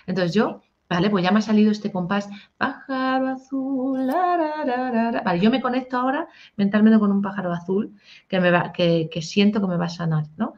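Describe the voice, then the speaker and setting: A woman, a singer-songwriter and music teacher talking casually in an interview, animated and chatty. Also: medium pitch, a little fast. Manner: animated, sings short improvised snippets. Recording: dull lo-fi audio.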